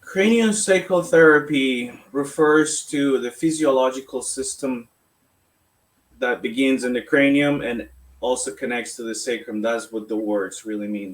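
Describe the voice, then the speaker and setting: Man from Colombia, massage therapist, calm explanatory manner, mid-pitched voice. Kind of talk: interview answers.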